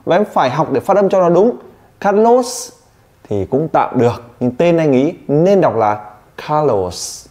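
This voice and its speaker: A man teaching English pronunciation one-on-one, teasing and drilling his student with quick questions. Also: on the high side, expressive, warm tone.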